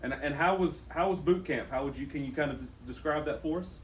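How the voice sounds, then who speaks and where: A man interviewing someone, asking gentle, conversational questions. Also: fairly high pitch, a little fast. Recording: roomy echo, distant mic, faint noise.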